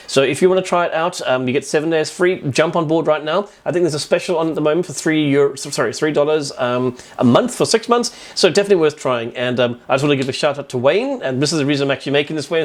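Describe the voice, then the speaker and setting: A man giving a casual spoken review, chatty and enthusiastic, rambling with lots of fillers and restarts. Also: on the high side. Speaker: video reviewer.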